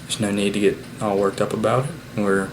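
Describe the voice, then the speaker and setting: A man hosting a casual hunting vlog, recapping the day at home in a relaxed, unhurried way with plenty of "uh" fillers. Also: on the low side. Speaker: bowhunter and channel host. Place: at home after the hunt. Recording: steady background noise.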